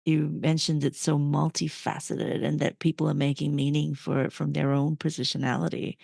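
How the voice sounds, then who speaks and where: Gravelly-voiced woman podcast host. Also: low voice, little pitch movement, normal speed, darkish tone, no echo, clean studio sound. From Malaysia. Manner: hesitant, many restarts and fillers. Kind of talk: interview conversation.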